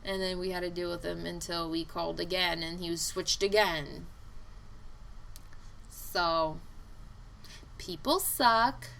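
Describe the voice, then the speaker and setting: A young woman chatting to her viewers while she draws. She talks at an unhurried pace in a bright, forward voice, exasperated and chatty, playing out each side of the conversation. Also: fairly low pitch, vocal fry, slight background noise, poor audio. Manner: chatty, exasperated, quotes people in dialogue. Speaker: vlogger. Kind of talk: casual storytelling over time-lapse.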